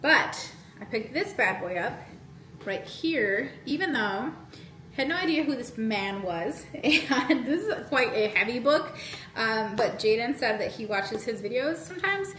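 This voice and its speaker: A woman's voice: a little high, fairly bright tone, echoey room. A woman in her thirties chatting casually as a vlogger in her home kitchen while she cooks, laughing often. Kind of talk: casual vlog chat. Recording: noisy kitchen with sizzling pan.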